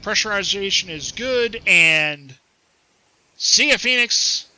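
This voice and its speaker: A man casually commenting on his flight simulator session, chatting and laughing easily while reading back radio clearances. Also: sits high, animated, slow pace, pushed and bright, rough recording. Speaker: flight sim streamer.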